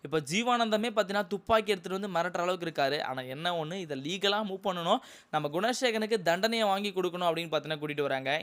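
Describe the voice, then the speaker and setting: Fast-talking man recapping a TV serial. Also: on the high side, a bit bright, smooth. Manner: rapid storytelling, keeps repeating a filler phrase. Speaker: TV serial reviewer. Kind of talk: excited plot recap addressing viewers.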